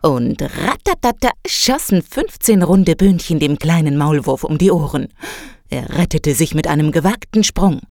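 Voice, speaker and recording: Low-voiced woman reading a children's story. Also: no room sound, studio quality. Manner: measured, expressive storytelling.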